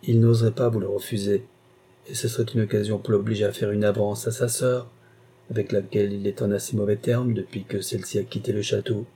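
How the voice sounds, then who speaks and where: Soft-spoken, persuasive schemer in a storybook reading, put on by a man, mellow and husky. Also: lowish voice, level tone, a little fast. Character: scheming young woman, smooth and persuasive.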